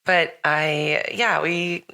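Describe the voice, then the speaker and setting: A middle-aged woman hosts a chatty podcast in a low, gravelly voice, still slightly raspy from a recent illness. Her tone is bright, forward, and steady, and she draws out her words while rambling casually with plenty of fillers and restarts.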